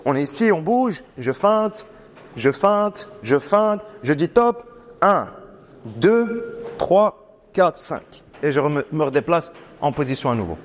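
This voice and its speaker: Un homme, coach de boxe, qui donne des consignes fortes et encourageantes pendant un entraînement en salle. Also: male voice, on the high side, very animated, takes it slowly. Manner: loud, encouraging gym instructions. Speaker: boxing coach. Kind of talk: coaching a training session. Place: boxing gym.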